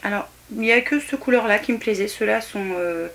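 A woman's voice: medium pitch, a little fast, fairly bright tone, slight background noise. A woman chatting casually through a shopping haul video, hesitating often as she shows each item. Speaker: vlogger showing a shopping haul.

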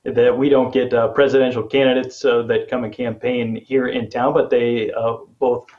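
A man's voice: medium pitch, level tone, moderate pace. Chatty male radio editor, dull line. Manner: conversational, explanatory. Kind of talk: video call interview. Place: home office studio. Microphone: studio mic on boom. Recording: slightly dull call audio.

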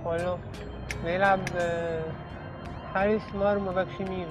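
A man's voice: high voice, little pitch movement, normal speed, highs cut off. A man with an Egyptian accent playing a prankster taxi driver, joking and rambling nonsense with a straight face inside a taxi. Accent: Egyptian Arabic. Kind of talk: hidden-camera prank banter. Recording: loud music over the voice.

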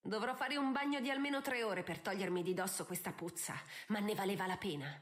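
A woman's voice: mid-range voice, a little fast, lightly acted. A woman doing a cold, mocking stepmother countess. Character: cruel scornful stepmother, a countess.

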